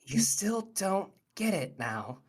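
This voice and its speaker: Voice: medium pitch, very animated, slow pace, a little mellow, slightly rough, pitched above the performer's own voice, full character voice. A game master voicing a mocking, shapeshifting female mirror entity with smug, teasing talk over faint music.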